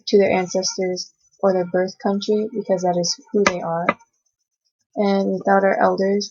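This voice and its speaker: In a dull, lo-fi recording, a student presenter delivers a class talk from her notes, stumbling into frequent hesitations. She is a young American woman who spoke Cantonese first, and her voice is mellow and medium in pitch.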